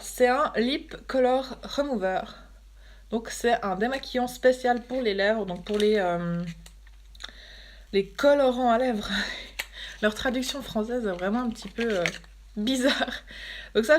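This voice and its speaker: A woman's voice: mid-range voice, a little hiss or hum. A woman with a Swiss French accent chatting casually while unboxing makeup on a phone livestream, amused and laughing often. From Switzerland. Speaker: beauty vlogger.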